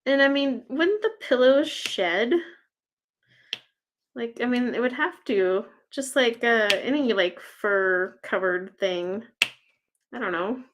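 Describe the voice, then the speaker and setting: A woman's voice: fairly high pitch, lively intonation, takes it slowly, background noise. Chatty woman rambling with frequent laughs. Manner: many fillers like "like" and "um". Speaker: livestream host. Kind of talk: casual chat while crafting.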